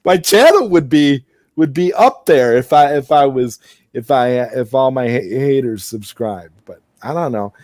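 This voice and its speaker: A man's voice: medium pitch, animated, measured pace, a little mellow, dry recording, clean studio sound. A man hosting a casual late-night live stream, rambling and restarting his sentences as he talks into a headset. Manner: rambling, repeats words and restarts often. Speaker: host.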